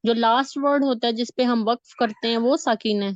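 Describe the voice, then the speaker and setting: A woman's voice: on the high side, steady tone, muffled recording, slight background noise. A woman student in an online class asking hesitant, unsure questions.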